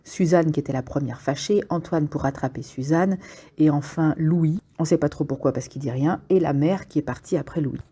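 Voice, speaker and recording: A woman's voice: low-pitched, normal speed, mellow, husky. A woman giving a casual spoken summary of a book's scenes, explaining plainly with frequent hesitations. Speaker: literature summary presenter.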